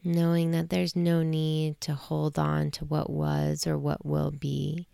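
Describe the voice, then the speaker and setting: A woman guiding a sleep meditation in a slow, soothing, hushed way. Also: sits low, monotone, vocal fry, clean tone, dry recording, clean studio sound. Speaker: meditation guide.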